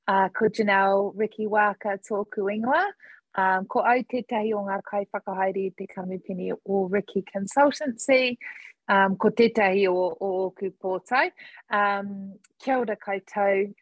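A woman's voice: mid-range voice, moderate pace, no echo, rough recording. A woman with a New Zealand accent, talking conversationally as a panel guest and mixing in Māori words. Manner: mixes Māori words and greetings into speech. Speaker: panel guest, coalition co-chair.

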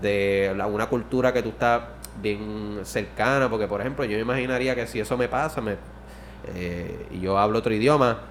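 A man's voice: fairly low pitch, fairly quick, slight background noise. A man co-hosting a podcast, rambling in casual chat, swearing often and restarting mid-sentence. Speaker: podcast co-host.

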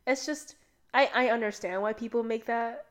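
A woman's voice: fairly high pitch, normal speed. A young woman co-hosting a podcast in casual chat, talking animatedly with lots of filler "like". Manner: chatty, heavy use of "like", animated storytelling. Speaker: podcast co-host.

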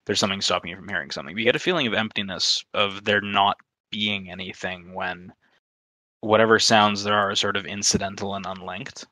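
A man's voice: fairly low pitch, a little fast, pushed and bright, no echo. A man in a casual discussion, explaining his ideas analytically.

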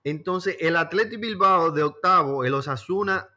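A man's voice: high voice, moderate pace, sharp tone. A man with a Dominican accent hosting a casual sports chat, slangy and repeating phrases for emphasis. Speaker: podcast host.

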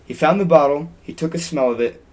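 A man's voice: a little high, brisk, darkish tone. Young man telling a long story. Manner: rambling, with frequent ums and restarts. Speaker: podcast co-host. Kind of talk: casual storytelling chat.

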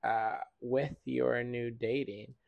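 A man co-hosting a podcast, talking in a thoughtful, measured, somewhat halting way. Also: mid-range voice, flat delivery, vocal fry, dry recording, phone-quality sound. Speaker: podcast co-host. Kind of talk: casual chat.

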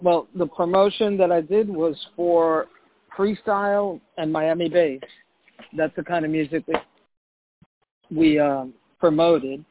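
A middle-aged man from Puerto Rico who works as a DJ, answering interview questions in a relaxed, chatty way with many fillers. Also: fairly high pitch, slow pace, a little hiss or hum. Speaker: DJ and former record label marketing director. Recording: phone-like narrow audio.

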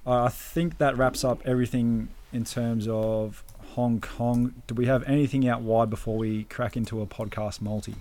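Aussie guy hosting a horse racing podcast, casual chatty talk, mid pitched voice. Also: fairly even intonation, moderate pace, few pauses, mellow. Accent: Australian.

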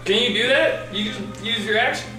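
A woman's voice: a little high, moderate pace. A woman running a tabletop role-playing game as game master, narrating informally and acting out little exclamations. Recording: echoey room, distant mic, music.

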